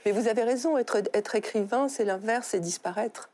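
Middle-aged woman, novelist guest; mellow, unhurried, searching for words. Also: on the high side. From Algeria. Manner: thoughtful, halting with many fillers. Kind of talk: studio talk show conversation.

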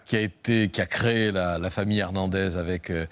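A man's voice: sits low, steady tone, fairly quick, clean tone. Man hosting a TV talk show.

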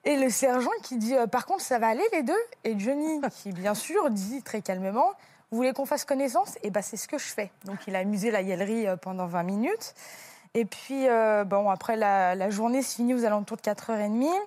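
A woman's voice: a little high, fairly quick, no room sound. Young woman guest on a talk show, chatty storyteller, voices her own quotes, dry close mic. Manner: lively storytelling, acts out quotes.

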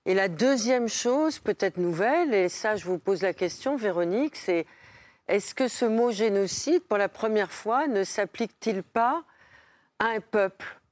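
A woman guest in a studio debate, speaking in a measured, reflective way. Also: mid-range voice, animated, darkish tone, dry recording. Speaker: guest commentator.

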